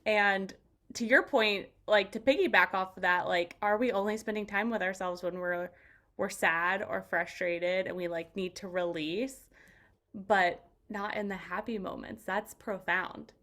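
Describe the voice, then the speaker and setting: Bright, lively woman hosting a podcast. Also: medium pitch, a little slow. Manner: animated, enthusiastic, jumps into excited quoted voices. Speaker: podcast host. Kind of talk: casual interview chat.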